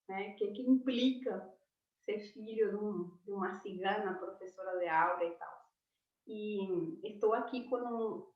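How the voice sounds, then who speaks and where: A woman in her forties talks on a video call with a slightly high voice, chatty and affectionate. She sounds distant from her laptop mic, in a roomy space with a dull, muffled tone. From Argentina. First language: Spanish. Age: 40s. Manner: chatty and affectionate, laughs often. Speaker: teacher. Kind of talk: casual chat on a video call.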